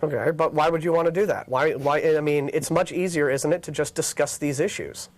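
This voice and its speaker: A man's voice: fairly high pitch, fairly quick. An American man hosting a call-in show, reasoning and questioning insistently in unscripted debate. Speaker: host of an atheist call-in show.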